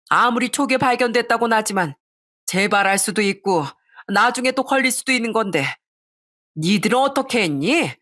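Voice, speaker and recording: A woman's voice: fairly high pitch, a bit bright, pitched above the performer's own voice. A woman voicing a furious scolding old mother. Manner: indignant, scolding, raised voice. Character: furious older mother scolding her greedy son.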